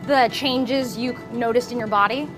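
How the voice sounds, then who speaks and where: High-pitched woman reporter, curious questions on location, music behind. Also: fairly even intonation, moderate pace. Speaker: reporter interviewing. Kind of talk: on-location interview.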